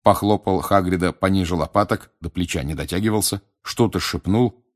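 A man narrating an audiobook in a steady, expressive storytelling manner. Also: low voice. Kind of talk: audiobook reading.

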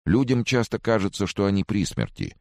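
A man's voice: fairly low pitch, sing-song, fairly quick, gravelly, a little mellow, no echo, pitched above the performer's own voice. A man voicing a tired male doctor who speaks in a dry, matter-of-fact, slightly mocking way, as an audiobook character voice.

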